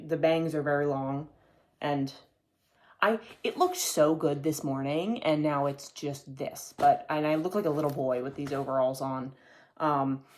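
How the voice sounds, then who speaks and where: A young man hosting his own video podcast, chatting casually to a camera in a rambling way and swearing now and then. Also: a little high. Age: young adult. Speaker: podcast host. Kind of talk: casual solo video chat. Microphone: talking to a camera.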